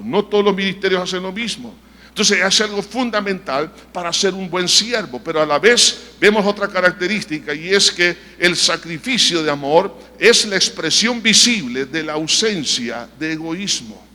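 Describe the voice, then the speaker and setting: A man's voice: fairly high pitch, pushed and bright, long reverb tail. A man preaching a sermon as pastor, firing rhetorical questions at the congregation and acting out short quoted voices in his stories. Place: church sanctuary.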